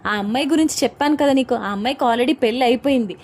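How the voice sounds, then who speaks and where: A woman's voice: on the high side, quick pace, darkish tone. Middle-aged constable figure, firm, exasperated, voiced by a woman.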